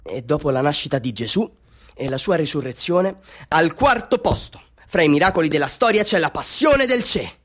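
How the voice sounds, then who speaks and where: At a normal speed and with a voice on the slightly high side, an actor tells the story of an excitable amateur photographer full of self-doubt. The theatrical radio monologue shifts between confiding tones and fervent ones, reaching a mood of fervent revelation.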